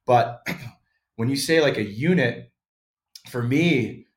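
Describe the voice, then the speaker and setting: A former pro hockey player in his thirties chats casually as a podcast guest, explaining things and hedging his claims. His mid-range voice is expressive and slow-paced.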